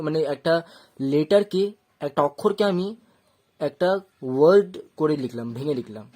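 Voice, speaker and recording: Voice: mid-range voice, darkish tone. A Quran reading teacher gives an online lesson in a patient, step-by-step way. When reciting, the teacher holds each letter sound long and drawn out. The teacher then returns to plain explanation.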